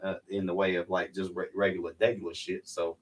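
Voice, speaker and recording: A man's voice: low-pitched, flat delivery, a little fast, recorded from a distance, poor audio. A man in his forties, a podcast co-host, telling candid stories in a rambling casual chat.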